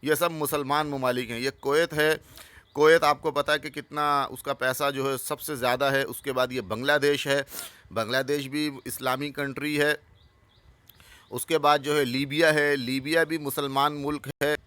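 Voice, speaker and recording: A man's voice: mid-range voice, level tone, bright, forceful tone, smooth, no room sound. A man from Pakistan gives an earnest, informal talk, naming items one after another with short comments and urging his listeners. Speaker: religious channel host.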